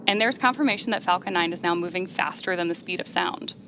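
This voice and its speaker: A woman giving measured, explanatory live commentary as the host of a launch webcast. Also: lowish voice, sharp tone, a little hiss or hum.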